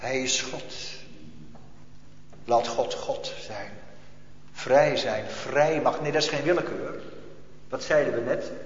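A man preaching a sermon as pastor, slow and emphatic, his calls swelling and rising. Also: mid-range voice. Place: church. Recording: echoey church hall, dull sound.

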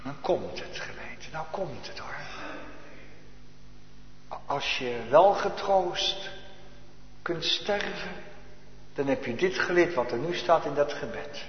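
A man preaching a sermon to his congregation, swinging from hushed asides to loud, emphatic declamation in old-fashioned churchly Dutch. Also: on the high side, lively intonation, takes it slowly, long pauses. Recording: echoey church hall, dull lo-fi.

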